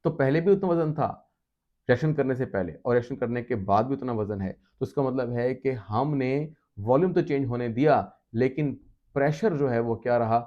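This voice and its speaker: A man teaching a chemistry lesson, explaining step by step in a patient, repetitive way and slowing right down to read out English definitions. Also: medium pitch, muffled recording. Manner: mixes Hindi-Urdu with read-out English definitions, slowing down sharply for them; addresses students directly, patient and repetitive. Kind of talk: recorded classroom lecture, explaining step by step.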